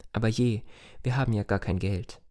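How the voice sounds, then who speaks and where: A tender, lively young village girl from an audiobook tale, as a male reader puts her on. She pleads in a raised, eager voice, lifted well above the reader's low, mellow tone. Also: brisk, natural voice. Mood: hopeful.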